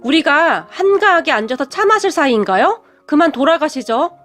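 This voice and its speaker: A woman's voice: sits high, very animated, normal speed, a bit bright, soft background music. A woman reading a cold, resentful grown son. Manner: cold and clipped.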